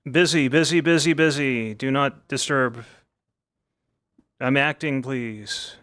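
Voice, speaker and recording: A man voicing a gruff, busy old male dwarf through a voice changer, grumbling in a loud, bustling way. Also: medium pitch, takes it slowly, no echo.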